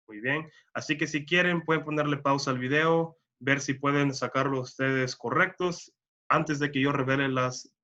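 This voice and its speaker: Slow, bright-voiced male English teacher. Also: a little high, muffled recording. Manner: slow, carefully enunciated example sentences. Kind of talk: bilingual English lesson.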